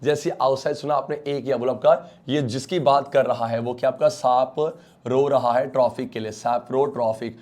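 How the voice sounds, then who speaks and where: With a mid-range, slightly mellow voice, the Indian science teacher speaks at a measured pace and fairly even intonation in his online class. He coaxes students as beta and bachcha, mixes English terms into his talk, and asks questions only to answer them himself.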